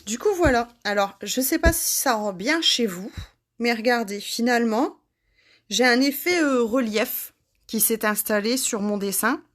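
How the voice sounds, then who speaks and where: A woman's voice: on the high side, lively intonation, a little slow, fairly bright tone. Woman craft host, leisurely and friendly, talks to viewers by name as she works. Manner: chatty, addresses viewers by name, laughs at herself. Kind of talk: casual craft demonstration.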